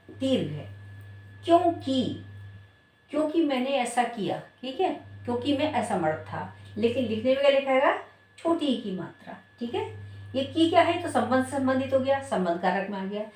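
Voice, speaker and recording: A woman teaching a spelling lesson, asking her students questions and then answering them herself. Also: on the high side. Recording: echoey room, voice from far off.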